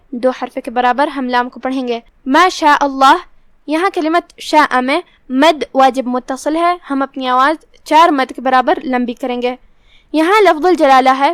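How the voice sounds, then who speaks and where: High-voiced woman teaching recitation rules. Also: no room sound, clean studio sound. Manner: explains rules step by step, then recites slowly. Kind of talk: tajweed lesson.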